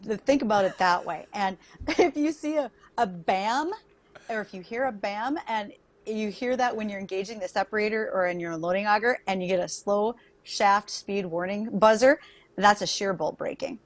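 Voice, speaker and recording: A woman's voice: medium pitch, normal speed. A woman co-hosting a farm radio show in a casual, playful, chatty way.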